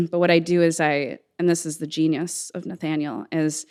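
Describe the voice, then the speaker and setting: A woman's voice: sits low, flat delivery, moderate pace, darkish tone. A woman guest, a musician, talking informally and earnestly in a reflective conversation, thinking aloud as she goes. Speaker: interview guest, musician and songwriter.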